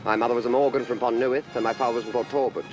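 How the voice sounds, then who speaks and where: A man's voice: medium pitch, level tone, racing, music in the background. A man in an archive interview talking about his acting with playful relish. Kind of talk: chatty interview.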